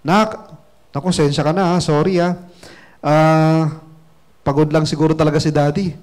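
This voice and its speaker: A man's voice: fairly high pitch, level tone, normal speed, darkish tone, lightly acted. A man voicing a busy, tired father who snaps at his child and later apologizes, told within a seminar story. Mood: apologetic. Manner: curt, then apologetic.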